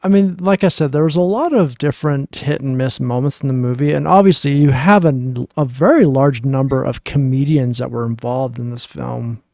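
A man's voice: medium pitch, gravelly, a little mellow, no echo. Dry-sounding man on a podcast. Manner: measured, hedging with fillers like "I mean". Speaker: podcast co-host. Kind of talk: casual film discussion.

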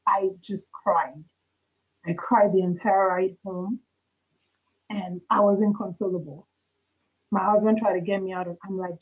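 A woman's voice: fairly low pitch, slightly rough, rough recording. A young adult woman, a podcast guest, earnestly telling a personal faith story in conversation, acting out the dialogue as she recounts it.

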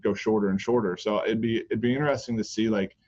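On dull lo-fi podcast audio, a man in his thirties who coaches golf and co-hosts the show chats fast in a lowish, a little mellow voice with fairly even intonation. His talk rambles, with frequent restarts and fillers.

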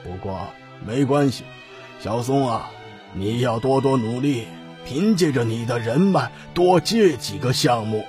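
A man's voice: mid-range voice, lively intonation, unhurried, a little mellow, close to an everyday voice. An actor voicing a scheming old patriarch in an audiobook, commanding and dismissive. His mid-range voice has faint music underneath. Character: older family patriarch, scheming and domineering. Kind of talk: audiobook drama acting.

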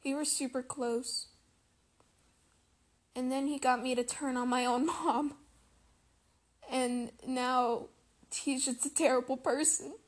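Woman, slightly raised pitch, soft-spoken and hesitant, confessional personal monologue. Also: fairly even intonation. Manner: halting, many fillers and restarts. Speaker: vlogger.

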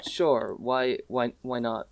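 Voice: medium pitch, fairly even intonation, slow, creaky. A player in a casual tabletop role-play, speaking hesitantly with stammering restarts.

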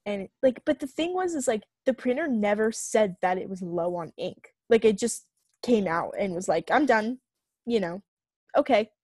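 A young woman co-hosting a podcast, telling a long story in casual chat, full of fillers and animated retellings. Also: mid-range voice, normal speed, no echo. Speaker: podcast co-host.

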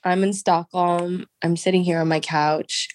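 A woman's voice: on the low side, level tone, a little slow, darkish tone, dry recording. A woman with a congested, stuffed-up nose from allergies, co-hosting a casual podcast from home. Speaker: podcast co-host. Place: at home on a couch, recorded over a video call.

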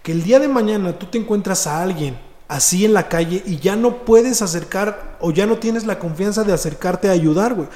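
Man, Mexico City accent, casual slangy storytelling, repeats and restarts words, slightly high voice, roomy long reverb. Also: a little fast, few pauses, warm tone. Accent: Mexico City Spanish. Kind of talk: casual personal anecdote. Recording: echoey room with long reverb.

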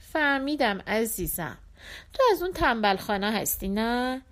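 A woman's voice: fairly high pitch, lively intonation, natural voice. A woman voicing a brazen, irritable middle-aged woman of the street who snaps back with mocking retorts, in an audiobook. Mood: impatient.

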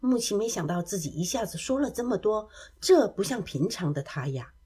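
A woman narrating a children's story in a soft, gentle, expressive way. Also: mid-range voice, a little fast, slightly rough.

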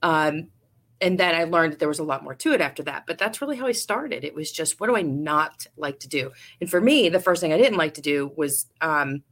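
A woman from Ohio, a business owner, answering interview questions in a frank, relaxed and chatty way. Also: low-pitched, brisk. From Ohio, USA.

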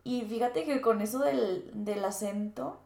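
A woman's voice: fairly high pitch, unhurried, vocal fry, mellow, echoey room. A woman from Sonora with a northern Mexican accent, co-hosting a casual podcast and telling stories animatedly, mimicking other people's voices. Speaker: podcast co-host. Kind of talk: casual podcast chat and advice.

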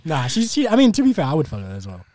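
A man's voice: fairly high pitch, huge pitch swings, racing, warm tone, no room sound, clean studio sound. A man with a London accent and urban roadman slang, hosting a casual podcast chat. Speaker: podcast host.

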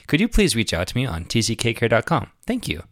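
A man's voice: mid-range voice, wildly swooping pitch, quick pace, no room sound, studio quality. A man hosting a podcast, chatting casually with a guest in a rambling, enthusiastic way and laughing often. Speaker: podcast host. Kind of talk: casual conversational interview.

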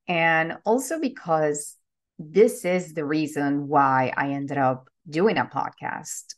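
Low-voiced woman telling her story. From Venezuela. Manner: earnest and heartfelt. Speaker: podcast host. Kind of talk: personal storytelling monologue.

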